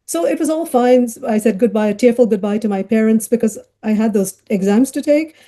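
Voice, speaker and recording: A middle-aged woman's slightly high, dark-toned voice carries a chatty, laugh-filled account of her life, heavy with fillers. She grew up in Ghana, works as a child psychiatrist, and is the guest in this conversational podcast interview.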